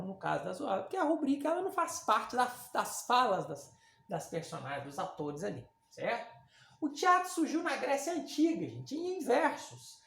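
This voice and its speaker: Lively woman teaching in an echoey room. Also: on the high side. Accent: Brazilian Portuguese. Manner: lively and conversational, many fillers and check-ins with students. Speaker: literature teacher. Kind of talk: recorded online class lecture.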